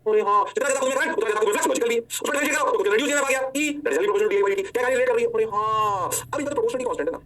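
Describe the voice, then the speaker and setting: तेज़ बोलने वाला जोशीला भौतिकी शिक्षक पुरुष. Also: male voice, very high-pitched, rapid-fire, few pauses, fairly bright tone, far from the mic. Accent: Hindi. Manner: playful, answers himself in a student's voice. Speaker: physics teacher. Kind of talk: energetic lecture.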